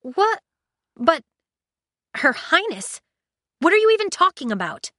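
A woman voicing a defiant young cyborg mechanic, speaking loudly and fiercely. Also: medium pitch, animated, a little slow, no room sound, studio quality. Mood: bewildered. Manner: intense, raised, indignant delivery.

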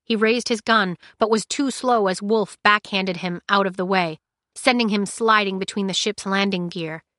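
Audiobook narrator: woman, medium pitch, measured and steady, dead-dry booth sound. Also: no echo.

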